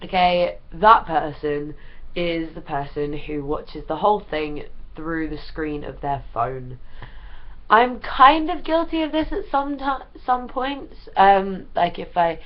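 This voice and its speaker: A young woman, ill and sounding under the weather, chatting rambling-style to camera at home with lots of ums and likes. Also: lowish voice. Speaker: vlogger. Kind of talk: casual chat to camera. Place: at home, wrapped in a blanket. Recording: dull lo-fi recording.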